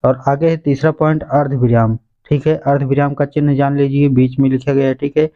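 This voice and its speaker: Going point by point through exam questions and answers, a male teacher calls his audience friends in a revision lesson. He speaks fairly quickly in a mid-range, level voice, and the sound is dull.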